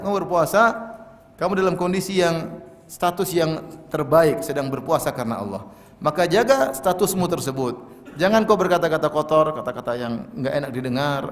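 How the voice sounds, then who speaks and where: A man preaching a sermon with emphasis, repeating key phrases and reciting Arabic quotations. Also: a little high. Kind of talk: Ramadan sermon. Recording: long hall reverb.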